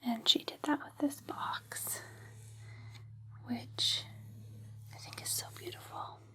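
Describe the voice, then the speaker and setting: A woman hosting ASMR in a breathy, unvoiced whisper, speaking gently in slow, deliberate phrases. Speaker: ASMR host.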